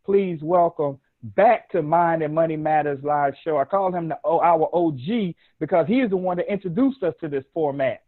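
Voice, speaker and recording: A man's voice: on the high side, normal speed, few pauses, no echo. A man with a Southern US accent hosting a live online talk show over a video call, chatty and rambling, laughing often. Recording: dry, tinny phone-like call audio.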